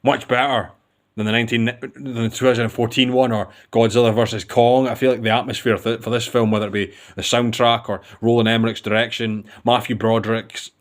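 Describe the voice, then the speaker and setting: A man's voice: mid-range voice, level tone, fairly quick. A man giving a casual, rambling film review with enthusiasm, often restarting his sentences.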